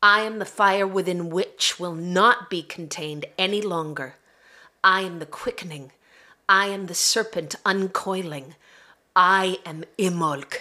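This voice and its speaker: Slow, bright-voiced woman reading solemnly. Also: fairly low pitch, fairly even intonation. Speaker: podcast guest. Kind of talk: slow reading of a spoken-word invocation.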